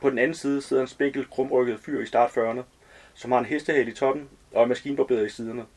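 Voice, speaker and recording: A male author calmly reading narration from his own novel. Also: mid-range voice, slightly rough.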